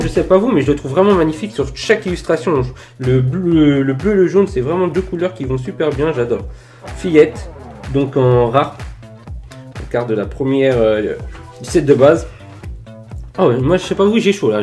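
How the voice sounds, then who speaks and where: A man's voice: fairly high pitch, lively intonation, moderate pace, darkish tone, faint music behind. A man in a casual collector vlog, filmed indoors under lamps with a desk mic, showing flea-market finds enthusiastically with lots of fillers. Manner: enthusiastic, many fillers and "voilà". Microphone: desk microphone near camera.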